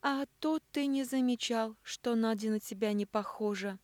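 A woman's voice: fairly high pitch, moderate pace, darkish tone, no echo, voice pushed up, natural voice. A woman voicing a vengeful, scheming woman who taunts in a sugary, cold tone, reading an audiobook. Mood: taunting.

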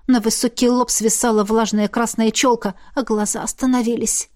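A woman narrating a fantasy novel in a steady, expressive reading. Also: a little high, moderate pace. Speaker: audiobook narrator.

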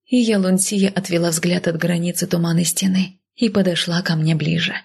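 A woman reads a first-person fantasy audiobook in a measured, even way. Her voice is low and husky. A gravelly fry runs through her delivery. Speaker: audiobook narrator.

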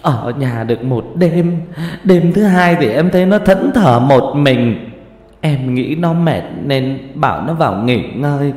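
A man's voice: medium pitch, expressive, a little mellow, pitched above the performer's own voice, natural voice. A man voicing a grief-stricken middle-aged mother, sobbing and drawing out his words. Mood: tearful lament. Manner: sobbing, drawn-out wailing. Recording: roomy reverb with music.

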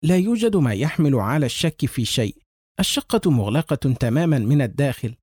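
A skeptical police lieutenant colonel, read by a male narrator from a spoken horror story, weighing the facts in a calm, matter-of-fact way. The voice is husky and mellow, with a lively rise and fall of pitch. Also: fairly quick, no echo, studio quality.

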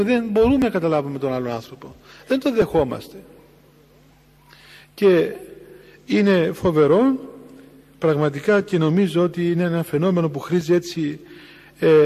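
A Cypriot Greek priest preaches in a high voice, acting out each person in the story he tells. His words ring out with a long hall reverb. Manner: animated storytelling, acting out dialogue. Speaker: Orthodox priest. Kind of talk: sermon with storytelling.

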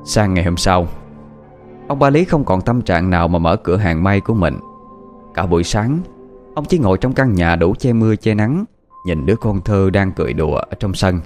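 A man narrating a ghost story in a lively, expressive way. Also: deep voice, normal speed, faint music behind.

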